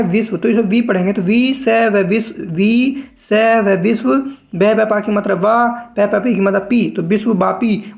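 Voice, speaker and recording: A shorthand teacher giving a patient step-by-step tutorial, sounding out syllables slowly one at a time and addressing learners as friends. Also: mid-range voice, creaky, darkish tone.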